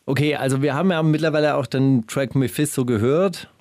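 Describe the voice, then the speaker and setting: A man hosting a podcast in a casual chat, halting and restarting his phrases, chuckling as he talks. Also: mid-range voice, a little mellow, no room sound. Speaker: podcast host.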